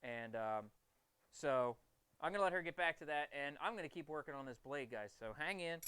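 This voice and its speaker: A man's voice: on the high side, animated, normal speed, bright, forceful tone, clear, resonant tone. A man livestreaming from his basement forge, explaining knife grinding in an enthusiastic, rambling way. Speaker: streamer and knifemaker. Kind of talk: casual livestream talk while working.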